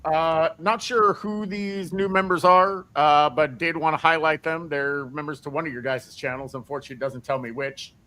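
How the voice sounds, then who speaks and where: A man hosting a sports stream, reading out viewer donations in a halting way with many fillers. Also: on the high side, fairly even intonation, pushed and bright. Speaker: podcast host reading donations. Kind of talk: casual live-stream chat.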